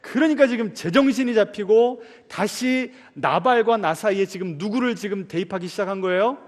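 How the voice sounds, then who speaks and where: High-voiced pastor in a reverberant church. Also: male voice, moderate pace. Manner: asks the congregation questions and answers them himself; swings sharply between loud emphasis and soft asides. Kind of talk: sermon. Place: large church sanctuary. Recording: long reverb of a large church hall.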